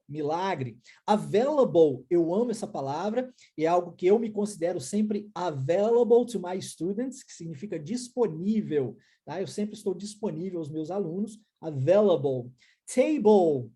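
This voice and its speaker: Husky Brazilian woman teaching English. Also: medium pitch, dark tone. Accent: Brazilian Portuguese. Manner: explanatory, checks in often with short tag questions. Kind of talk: online language lesson.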